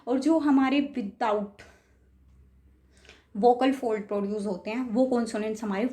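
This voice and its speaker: A woman's voice: a little high, normal speed, mellow. Patient woman teacher. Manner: patient, explains step by step with spoken examples. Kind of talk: lecture on speech, mixing Hindi and English terms.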